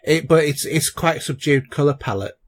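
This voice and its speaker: A podcast co-host chats casually about films and shows, rambling with lots of fillers and restarts. His voice sits on the high side, and he speaks fairly quickly.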